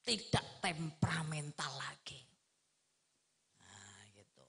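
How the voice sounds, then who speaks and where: A middle-aged man giving a lively, humorous religious lecture, asking his listeners rhetorical questions. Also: fairly high pitch, slow, vocal fry. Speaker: Islamic preacher.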